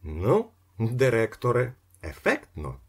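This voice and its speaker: A man's voice: wildly swooping pitch, takes it slowly, slightly rough, full character voice. A man voicing a sly, self-assured young con man who talks smugly and needles others. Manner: smug, needling, sometimes hissing low.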